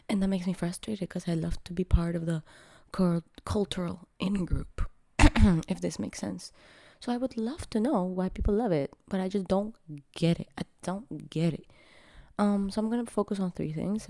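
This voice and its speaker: A woman talks straight into the camera with a voice worn down by illness. Her tone sits low and mellow, and the sound is close and dry. She is blunt and frank, swears freely and pokes fun at herself. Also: vocal fry, dry recording. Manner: frank, frustrated, self-mocking. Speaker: vlogger reviewing a film. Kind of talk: casual opinion vlog.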